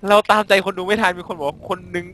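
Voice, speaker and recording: A man's voice: high voice, quick pace, bright, forceful tone. A man casually commentating a live game broadcast, teasing his co-host with jokes. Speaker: esports commentator.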